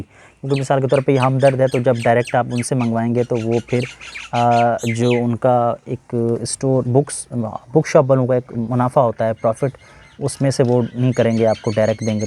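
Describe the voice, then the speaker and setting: A man's voice: mid-range voice, warm tone, a little hiss or hum. A man with a Pakistani Urdu accent, an English teacher patiently explaining a letter-writing lesson, switching between English phrases and Urdu explanations.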